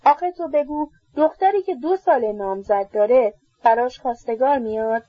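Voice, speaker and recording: Lady reading as a chatty jealous uni girl, kinda husky, a bit high. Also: no echo, lo-fi sound. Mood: indignant gossip. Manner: chatty, indignant. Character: gossipy jealous young woman student.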